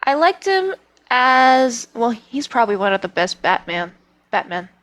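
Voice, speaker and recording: A woman's voice: on the high side, sing-song, a little slow, fairly bright tone, low-quality recording. A woman co-hosting a casual podcast chat, telling stories with emphatic, opinionated views. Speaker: podcast co-host.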